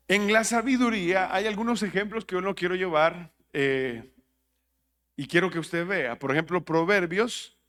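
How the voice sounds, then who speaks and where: A man's voice: high voice, fairly bright tone. A man, preaching a sermon as pastor, joking, laughing at his own jokes and questioning the congregation. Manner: jokey, laughs at his own jokes, acts out listeners' voices.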